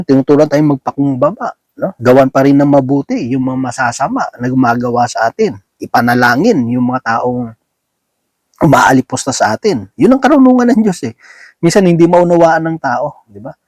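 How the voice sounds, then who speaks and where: A man's voice: mid-range voice, sing-song, normal speed, darkish tone, no echo. A man giving a conversational sermon, often asking his listeners tag questions, mixing English words into his Filipino, and chuckling between points. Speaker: lay preacher.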